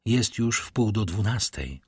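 Man narrator playing a sincere, despairing young man in an audiobook, husky and low. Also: lively intonation, a little slow, no echo, studio quality, full character voice.

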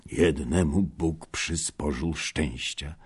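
A man's voice: rumbling low, slow pace, husky, heavily acted. Man playing a weeping old soldier. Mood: sorrowful. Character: grieving old male soldier, tearful and grave.

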